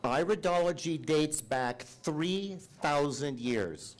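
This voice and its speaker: American guy lecturing, english is his first language, kinda high voice, slow n halting, playful, bit noisy. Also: animated. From United States. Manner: halting, playful, checks with listeners. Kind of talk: lecture with audience, switching between languages.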